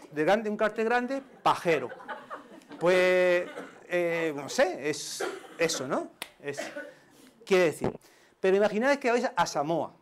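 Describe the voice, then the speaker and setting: A middle-aged male schoolteacher giving a conference talk, animated and full of joking examples. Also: high-pitched. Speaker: primary school teacher. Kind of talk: conference presentation.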